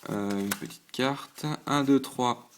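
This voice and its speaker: A man with a mid-range voice, recorded with a faint hiss or hum, chats hesitantly over his desk at home under a lamp. He's a channel host opening trading card packs in casual on-camera commentary, listing items one by one with quick reactions, stumbling and restarting constantly amid lots of fillers.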